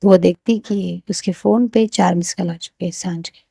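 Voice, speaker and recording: A woman storyteller narrating a serial romance in a plain, conversational way. Her voice is dark and gravelly with fry, and the recording is dry and close with no room sound. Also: on the low side, steady tone, moderate pace, no echo.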